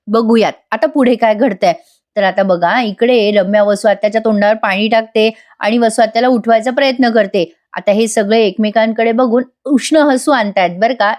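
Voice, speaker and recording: A woman narrating a casual voice-over recap of a TV serial episode. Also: medium pitch.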